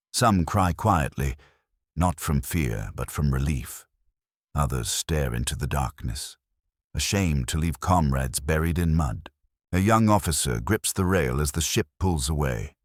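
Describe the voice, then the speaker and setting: A man giving grave, measured scripted narration for a history documentary. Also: rumbling low, no echo, clean studio sound.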